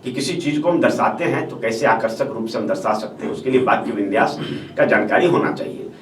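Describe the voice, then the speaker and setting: A man's voice: medium pitch, animated, a little fast. A male teacher giving a step-by-step classroom lecture on answer writing, repeating phrases and checking in with the class as he goes. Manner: explains step by step, repeats phrases, often says "ठीक है". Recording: echoey room, voice from far off, faint hiss.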